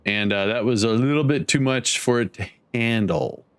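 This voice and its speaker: A man streaming a game, giving casual commentary, thinking aloud and rambling with many fillers and pauses. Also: mid-range voice, clear, resonant tone.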